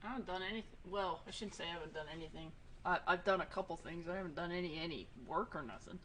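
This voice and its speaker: A woman's voice: fairly low pitch, quick pace, a bit bright, a little hiss or hum. A woman from Massachusetts, a streamer chatting casually, teasing and swearing freely with a laugh. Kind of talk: casual chat.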